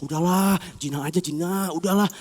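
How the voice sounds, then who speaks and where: A preacher voicing a coaxing male inner voice of temptation, low and soft, in a reverberant church hall. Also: a little fast. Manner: wheedling, persuasive, soft.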